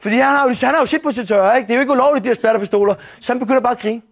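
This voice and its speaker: High-voiced, gravelly comedian on stage. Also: male voice. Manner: animated, swears freely, acts out scenes with shouts and bang sounds. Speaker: stand-up comedian. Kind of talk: stand-up storytelling. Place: stage before a live audience. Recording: TV broadcast with audience noise. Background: audience laughter.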